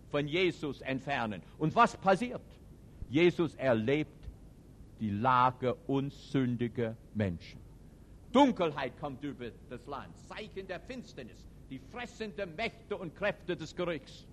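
A male preacher giving a sermon, his voice sitting a little high and swinging widely in pitch. He speaks with emphasis and slightly non-native grammar, moving from forceful peaks to quiet, reflective passages. A faint noise hangs behind him. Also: expressive, slow pace. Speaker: preacher and teacher. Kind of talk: sermon to a live audience.

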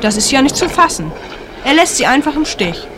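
A woman's voice: sits high, very animated, fairly quick. A woman playing a cheeky, indignant listener who questions the storyteller in a children's radio play, slangy and incredulous. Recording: clear storm noise behind voice.

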